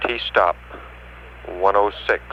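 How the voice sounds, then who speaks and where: A man's voice: lowish voice, fairly even intonation, takes it slowly, lo-fi sound, a little hiss or hum. A man at mission control speaking in clipped, formal radio procedure over an archival space radio link. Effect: space radio transmission. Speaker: mission control capsule communicator. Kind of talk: procedural radio communication, reading out numbers.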